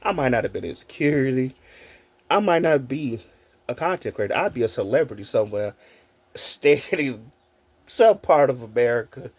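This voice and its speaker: A man in his forties, a content creator, telling childhood stories in a casual, animated vlog. He talks straight to his viewers, laughs often and swears freely. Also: mid-range voice, moderate pace.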